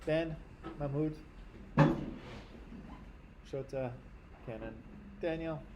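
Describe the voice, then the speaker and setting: A man's voice: a little high, drawn-out words, heavy background noise. A man teaching a history class in a classroom, talking conversationally and often checking in with "right?".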